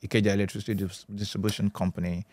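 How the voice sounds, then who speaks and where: Nigerian man in his 30s, steady business news presenter, low-ish voice, dry studio sound. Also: racing, no echo. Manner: steady, chiming in with short agreements. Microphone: studio mic on boom arm.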